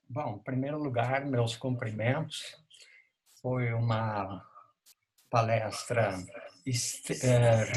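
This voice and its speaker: A man in the audience asking a question on a call, slowly and haltingly, with long pauses. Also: medium pitch, sharp tone, rough recording. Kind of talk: casual spoken question.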